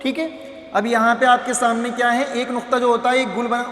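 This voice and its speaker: A man's voice: very high voice, completely flat delivery, fast, a bit bright, soft background music. A man teaching how to read Arabic letters, patiently repeating syllables and asking and answering his own questions. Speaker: Quran reading teacher. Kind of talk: slow phonics lesson on Arabic letters. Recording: echoey hall with faint ambience.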